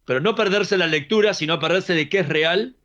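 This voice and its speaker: A man's voice: high-pitched, quick pace, fairly bright tone, lo-fi sound. An Argentine man hosting an interview, asking long questions hesitantly, searching for words with fillers and repeats. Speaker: interview host. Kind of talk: radio interview.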